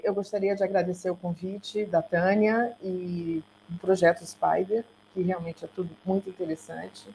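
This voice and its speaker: A research centre coordinator with a Brazilian Portuguese accent gives a slide talk on an online call, speaking haltingly and correcting herself along the way. Her voice is lowish and a little mellow, and the call is noisy with hum.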